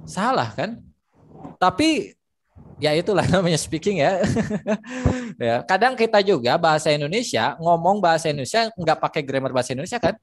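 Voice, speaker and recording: A man's voice: fairly high pitch, sing-song, moderate pace. A man teaching English in a live online lesson, chatty and explaining with lots of examples and fillers.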